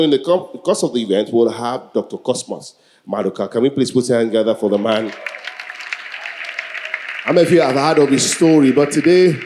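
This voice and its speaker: A Nigerian-accented man from Lagos in his early forties co-hosts a live event as master of ceremonies, with a medium-pitched, darkish voice. He jokes and improvises banter, throwing questions out to the crowd.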